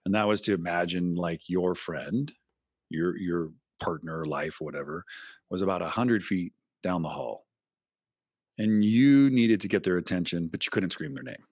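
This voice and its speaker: A man's voice: low voice, normal speed, no echo, studio quality. A man, a former radio host, talking casually and animatedly as a podcast guest. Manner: animated, talks in long stretches, acts out quotes. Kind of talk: casual interview chat.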